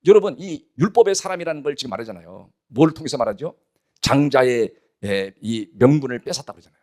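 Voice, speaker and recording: A man's voice: mid-range voice, lively intonation, quick pace, darkish tone. A male pastor preaching a sermon with emphasis, often putting rhetorical questions to his congregation.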